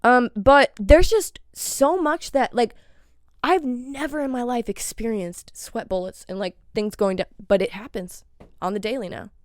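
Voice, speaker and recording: A woman's voice: on the high side, unhurried, no echo, clean studio sound. A young woman hosting a casual solo podcast, rambling in a playful way and swearing freely. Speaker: podcast host.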